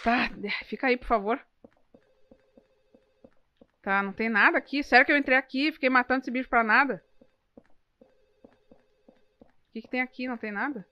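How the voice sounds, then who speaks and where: Woman, young adult, live game commentary, higher-pitched voice, jumpy, exclaiming. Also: normal speed, pauses often, muffled recording. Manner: jumpy, exclaiming, swearing at enemies. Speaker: streamer.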